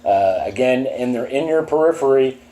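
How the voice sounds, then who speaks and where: A man running a tabletop game as dungeon master, narrating scenes in a slow, halting way with many fillers. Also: mid-range voice, animated, warm tone, poor audio.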